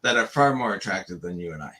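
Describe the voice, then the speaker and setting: A man's voice: low voice, lively intonation, fast, pushed and bright, a little hiss or hum. A man hosting a casual livestream talk show, joking and bantering energetically with his co-host and guests over a video call.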